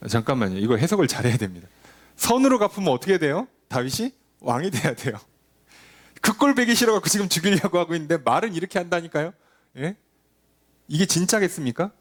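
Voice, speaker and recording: A male pastor delivering a sermon, urging and questioning the congregation, now and then dropping to a low aside or acting out a quoted line. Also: fast talker. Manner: animated preaching, drops to a low murmur for emphasis, acts out quoted lines.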